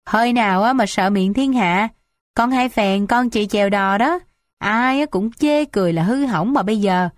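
A woman's voice: moderate pace, no echo, studio quality, close to an everyday voice. A woman voicing a defiant, spoiled young village daughter in an audiobook, sulky and petulant. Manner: sulky, petulant, high-pitched.

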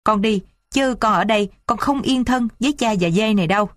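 A woman's voice: fairly high pitch, brisk, no room sound, clean studio sound, lightly acted. A woman voicing an upset young daughter who insists on leaving home.

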